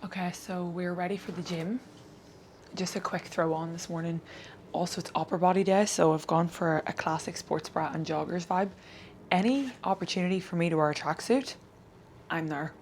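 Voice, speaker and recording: A woman's voice: lowish voice, normal speed, a little mellow, a little hiss or hum. A woman chatting informally and slangily as a fitness vlogger in a casual video. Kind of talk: casual vlog chat.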